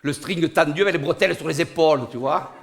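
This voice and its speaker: A man with a Niçois southern French accent telling a comic monologue, animated and rising to loud outbursts. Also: fairly high pitch, fast, gravelly. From Nice, southern France. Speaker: stand-up comedian. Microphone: studio recording.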